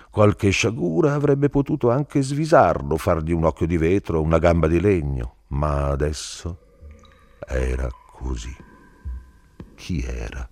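Very deep husky man reading dramatically. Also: no echo, clean studio sound. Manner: theatrical, drops into whispers and swells louder. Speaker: reader.

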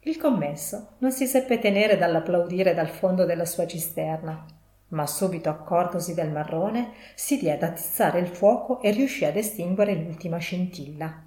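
A woman giving steady, literary audiobook narration of a classic story. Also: fairly low pitch, normal speed. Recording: roomy echo.

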